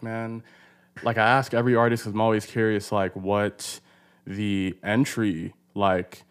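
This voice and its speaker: Low-voiced young man hosting a casual podcast. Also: vocal fry, clean tone. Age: 20s. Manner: chatty, loose, swears and says "like" often. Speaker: podcast host. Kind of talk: casual interview chat.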